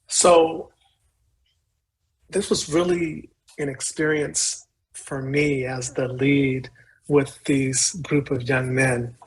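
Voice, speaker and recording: A man giving an earnest, measured talk as a conference presenter, pausing as he speaks. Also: mid-range voice, fairly even intonation, slight background noise, poor audio. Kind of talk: reflective presentation.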